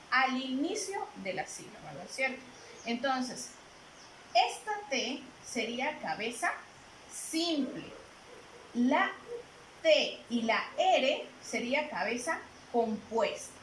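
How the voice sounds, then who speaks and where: Patient, high-voiced woman teaching slowly. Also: fairly bright tone. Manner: patient, repeats and quizzes listeners. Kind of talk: classroom lesson. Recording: roomy with faint noise.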